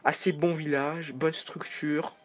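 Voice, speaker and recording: Man, somewhat high voice, casual game commentary, rambling jokey asides. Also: flat delivery, takes it slowly. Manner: chatty, joking, rambling asides.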